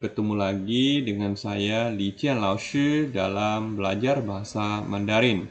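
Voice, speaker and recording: A man's voice: on the low side, measured pace. A man teaching Mandarin tones in a video lesson, stretching out his example syllables. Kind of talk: online language lesson. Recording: dull lo-fi audio.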